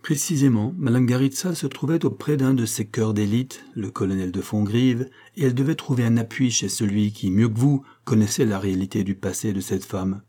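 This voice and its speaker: A proud, indignant baron declaims his case in a dark, husky voice, read by a man for an audiobook. His lines come out as a formal, rising oration. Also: on the low side, brisk, hardly any pauses, natural voice. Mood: indignant oratory. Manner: oratorical, declaiming. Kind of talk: audiobook reading.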